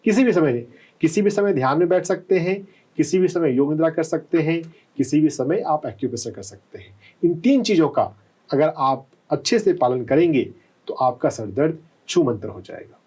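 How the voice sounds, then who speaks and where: A man working as a doctor, calmly explaining answers to callers on a live health call-in show and often checking with "है ना?". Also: a little high, normal speed, husky, poor audio. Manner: calm, explanatory, often asks "है ना?".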